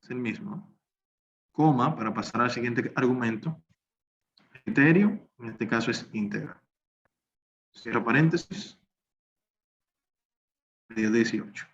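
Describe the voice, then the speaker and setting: Male instructor, mid-pitched, explains each step as he works, on a slightly dull, lo-fi recording. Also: measured pace, long pauses. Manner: talks through steps while working on screen. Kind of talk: recorded spreadsheet class. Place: recorded online class.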